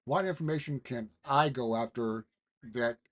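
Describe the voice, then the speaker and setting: A man hosts his own talking-head vlog, speaking in a mid-range voice at a measured pace. His talk is casual, rambling and digressive, packed with "you know" and restarted phrases.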